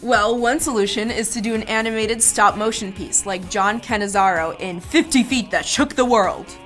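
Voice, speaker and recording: Faint music plays behind this fairly high-pitched, slightly bright female host, who talks at normal speed. Her online show features scripted commentary about animation videos, peppered with wry and playful jokes.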